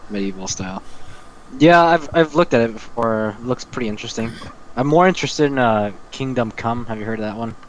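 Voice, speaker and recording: A man's voice: medium pitch, fairly quick, slight background noise, low-quality recording. A young man co-hosting a casual podcast, laid-back and swearing freely. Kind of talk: casual chat.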